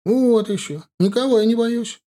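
A man's voice: high-pitched, very animated, fairly quick, warm tone, slightly rough, voice pushed up, heavily acted. A man voicing a boastful, chattering peasant boy who guides travellers, in an audiobook. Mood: eager. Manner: brash, chattering, folksy speech.

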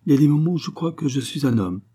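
A man reading an audiobook, voicing a brash, tomboyish young woman with mocking, quick retorts. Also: on the high side, animated, dark tone, husky, voice pushed up. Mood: cheeky.

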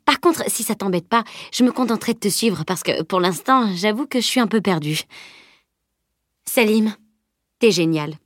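A woman's voice: mid-range voice, animated, moderate pace, no echo, natural voice. Earnest thoughtful teen girl from a storybook, woman reading her, dry close sound. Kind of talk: audiobook character reading.

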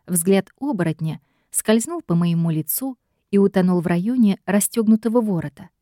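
Warm-voiced woman narrating a story. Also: mid-range voice, normal speed, no room sound, clean studio sound. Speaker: audiobook narrator. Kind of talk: first-person fiction narration.

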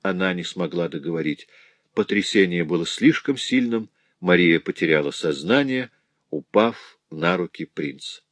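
A man narrating a classic novel as an audiobook, in a steady, measured reading. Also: deep voice, no room sound.

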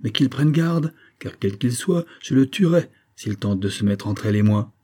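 A man's voice: medium pitch, animated, moderate pace, dark tone, lightly acted. A man voicing a jealous young baronet in an audiobook, speaking intensely and earnestly. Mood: menacing.

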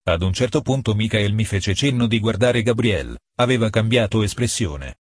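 Un uomo legge un audiolibro con tono calmo e misurato, voce bassa e leggermente roca. Il suono è asciutto e vicino al microfono, senza riverbero. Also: male voice, moderate pace, husky, dry recording. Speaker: narrator. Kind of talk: audiobook narration.

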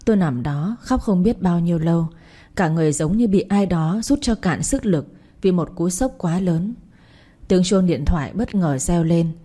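Low, breathy woman narrating a story. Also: animated, moderate pace, warm tone. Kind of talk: first-person story narration.

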